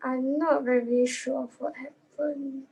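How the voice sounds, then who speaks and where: High gravelly woman, far off, coming through a call speaker, hesitant polite answers. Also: flat delivery, a little slow, darkish tone. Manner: hesitant, brief, polite replies. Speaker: course participant on a video call.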